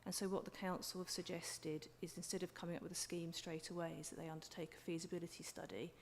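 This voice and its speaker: A woman's voice: on the low side, little pitch movement, fast talker. A woman giving a formal explanation as a witness at a public hearing. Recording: echoey hall with clear background noise.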